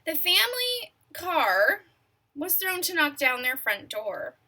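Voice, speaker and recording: Reading a picture book aloud to children, a woman with a high voice takes her time and tells it expressively. She pauses to ask her young audience questions and now and then lowers her voice to a hush to build suspense.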